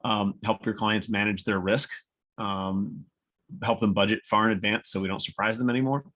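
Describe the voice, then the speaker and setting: A man giving a conference-style talk to business owners, blunt and energetic, with casual swearing and acted-out customer dialogue. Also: on the low side, normal speed. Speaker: presenter. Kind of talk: conference talk replayed on a webinar.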